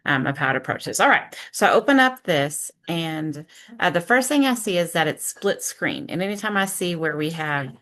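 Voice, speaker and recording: A woman teacher walks through something on a screen share, thinking aloud step by step and checking in with herself and her audience along the way. Her lowish voice is animated and a bit bright, moving at a moderate pace in a conversational style.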